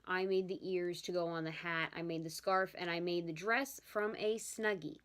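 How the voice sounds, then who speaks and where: A woman's voice: on the low side, fairly even intonation, moderate pace, fairly bright tone. Chatty young woman vlogging casually. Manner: chatty, apologetic, yawning at times. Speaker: vlogger showing her handmade cosplays. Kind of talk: casual chat.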